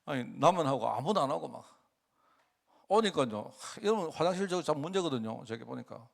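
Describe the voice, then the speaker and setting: A man preaching a sermon as pastor, talking conversationally and often asking the congregation questions, with lively swings in pitch and loudness. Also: fairly quick, vocal fry.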